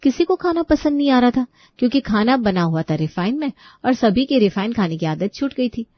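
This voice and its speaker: A woman's voice: fairly high pitch, big pitch swings, a little fast, no room sound, highs cut off. A woman narrating a cartoon family story in a chatty way, speaking to the listeners. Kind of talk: scripted narration.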